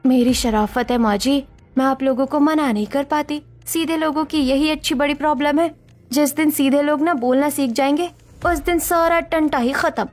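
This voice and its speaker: Over soft background music, a woman with a high voice plays an overworked young Indian daughter-in-law in a Hindi audio story drama, exasperated and complaining yet polite to her elders. Her intonation is fairly even, her pace moderate, and the acting is light.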